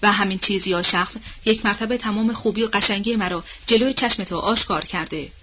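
A woman's voice: mid-range voice, a bit bright, a little hiss or hum, lightly acted. Give me a woman reading a bitter, worn-out husband with a heavy, dismissive tone, on a muffled audiobook track. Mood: weary bitter. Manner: heavy, tired, coolly dismissive. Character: weary, bitter, sardonic grown man, a husband. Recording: dull, muffled audiobook recording.

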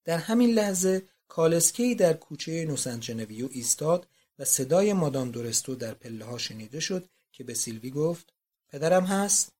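Measured audiobook narrator. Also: mid-range voice, expressive, dark tone, husky. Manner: measured storytelling. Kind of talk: audiobook reading.

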